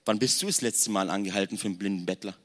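A man around forty preaching a lively sermon in a conversational tone, speaking straight to the congregation. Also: on the low side, very fast. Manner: conversational, addresses the congregation directly, mixes in English slang words. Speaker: pastor.

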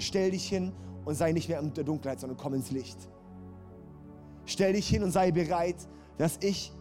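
A man's voice: a little high, warm tone. A man preaching a sermon, passionate and building to emphatic, repeated calls. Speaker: pastor.

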